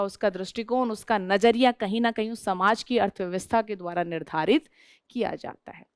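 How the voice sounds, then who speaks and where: A woman's voice: a little high, clean tone, no room sound, studio quality. A woman teacher giving a classroom lecture who keeps asking her class questions and then answering them herself.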